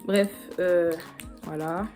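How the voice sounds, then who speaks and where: A woman's voice: fairly low pitch, fairly even intonation, very slow, music in the background. A young woman chatting casually in a vlog, rambling with many fillers and restarts. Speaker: vlogger.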